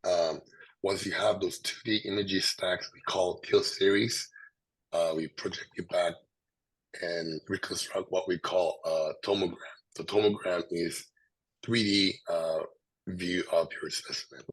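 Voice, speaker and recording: A man with a hoarse, swollen sore-throat voice, giving a halting scientific presentation. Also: deep voice, fairly even intonation, a bit bright, poor audio. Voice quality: hoarse, husky. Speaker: presenter, researcher.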